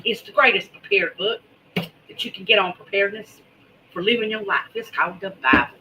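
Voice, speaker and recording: A woman's voice: medium pitch, animated, fairly quick, muffled recording, noisy background. A woman chatting casually to viewers in a folksy, drawling way, repeating words for emphasis. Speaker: host of a homesteading preparedness vlog. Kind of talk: casual livestream chat.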